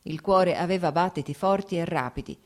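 Female audiobook narrator, lower pitch, measured and steady literary reading. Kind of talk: scripted audiobook narration of a classic novel.

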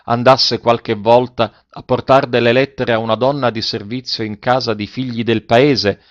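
Man voicing a female shopkeeper, brisk, matter-of-fact, slightly higher voice, muffled storybook audio. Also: fairly even intonation, close to an everyday voice. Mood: kindly.

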